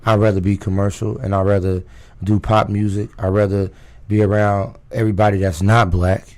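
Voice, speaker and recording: A raspy-voiced rapper from Chicago, talking loosely as a guest on a radio interview, full of fillers like "you know" and "um". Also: male voice, on the low side, little pitch movement, brisk, darkish tone. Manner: loose, street-casual talk with many fillers.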